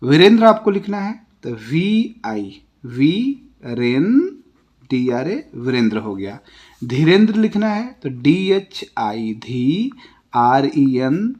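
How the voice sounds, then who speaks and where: An Indian man teaching a classroom lesson, spelling words out letter by letter in a slow, patient way and dropping his voice at the end of each example. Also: medium pitch, very animated, a little mellow. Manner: ends each example with a falling tone.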